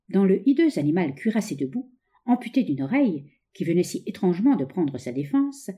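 A woman narrating a novel as an audiobook, with expressive, dramatic storytelling. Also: mid-range voice.

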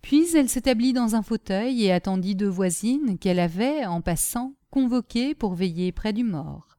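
A woman reading a classic story aloud in a measured, even way. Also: medium pitch, no echo, studio quality. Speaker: audiobook narrator. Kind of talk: scripted storybook narration.

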